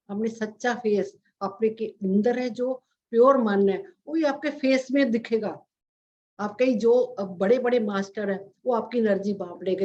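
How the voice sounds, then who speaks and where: Woman, spiritual teacher, earnest, repeats herself, mixes english words, muffled low-quality audio. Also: a little mellow. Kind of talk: informal spiritual talk. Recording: dull lo-fi audio.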